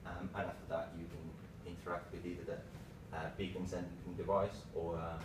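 Man, thirties, informal tech presentation, halting phrasing, deep pitch, far from the mic, noisy recording. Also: flat delivery. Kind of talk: informal slide presentation, lightning talk. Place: small meeting room, indoors. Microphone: far camera microphone. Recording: roomy, distant mic with clear background noise.

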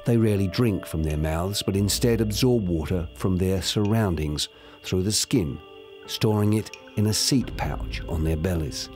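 A man narrates a nature documentary in a low register. His delivery is scripted and measured, like someone telling a story as he explains, with music clearly playing underneath. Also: darkish tone.

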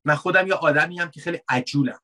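Bright-voiced male preacher, conversational sermon. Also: on the high side. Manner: conversational preaching with rhetorical questions, dropping to soft asides. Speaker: pastor.

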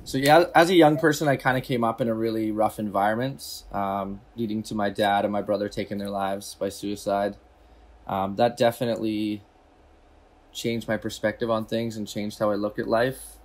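A young man speaks from his kitchen over a video call, his voice fairly low and flat. He talks in a steady, earnest way. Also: moderate pace. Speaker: mental health advocate. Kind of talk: interview talk. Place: kitchen, indoors.

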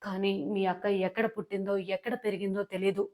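Woman reading as an affectionate middle-aged father, reassuring, flat intonation. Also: mid-range voice, fast, natural voice. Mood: gentle.

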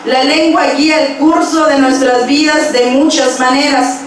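High-voiced young woman preaching in an echoey church. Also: a little hiss or hum. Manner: steady measured preaching, reading verses aloud. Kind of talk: sermon with scripture reading. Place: church stage with pulpit and instruments. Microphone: handheld microphone. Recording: very echoey church hall, from far off.

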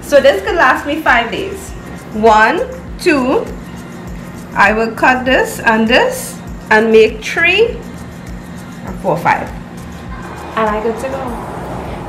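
A woman's voice: a little high, reverberant, rough recording. A woman, chatting upbeat to viewers in a home cooking vlog. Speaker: cooking vlogger. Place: home kitchen, indoors.

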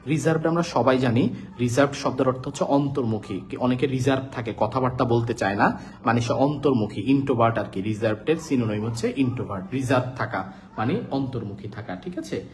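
A man with a medium-pitched voice speaks a bit fast while teaching vocabulary in a live online lesson. He drills words and their meanings repeatedly and asks his students check questions.

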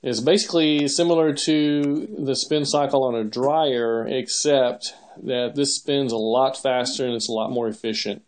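This is a man's mid-range, somewhat dark voice, steady in intonation, moving at a measured pace with few pauses. He's a channel host casually walking viewers through a kitchen demo at home, laughing a bit here and there. It's captured on a handheld camera mic.

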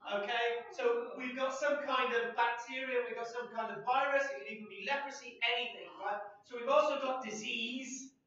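A man in his forties gives a chatty, rambling archaeology talk with slides, full of ums and asides, in a small room with a projector screen. His very high-pitched voice is bright and forceful, with a steady tone at normal speed. A laptop webcam below him picks him up from a distance, producing dull lo-fi audio in an echoey room.

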